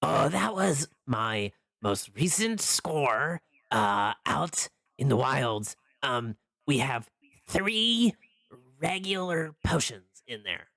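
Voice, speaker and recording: A man's voice: medium pitch, sing-song, vocal fry, sharp tone, no room sound, voice pushed up, full character voice. A man voicing a flustered, proud, stammering male shopkeeper in a tabletop fantasy game. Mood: proud, indignant. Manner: halting, stammering, indignant.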